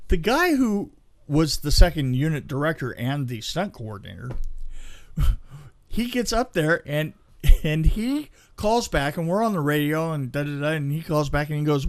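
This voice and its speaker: With a voice on the high side, a man spins casual, halting, animated stories on a podcast, drawing on his years as part of a film crew.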